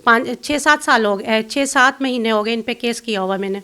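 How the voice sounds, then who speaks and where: A middle-aged Pakistani woman, a guest in an interview, speaks in a high voice that is pushed, bright, clear and resonant. She complains with strong feeling, bitter, accusing and insistent.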